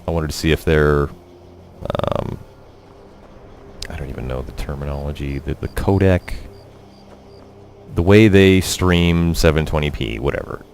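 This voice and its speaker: A young man doing casual, halting, sardonic commentary as he live-streams a video game. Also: very deep voice, a little mellow, slight background noise. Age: young adult.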